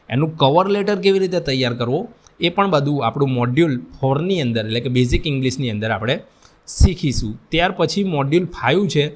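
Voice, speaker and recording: Man teaching a vocational class. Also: on the high side. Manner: explains mixing English terms into speech; addresses students directly. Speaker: vocational instructor. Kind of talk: classroom lecture.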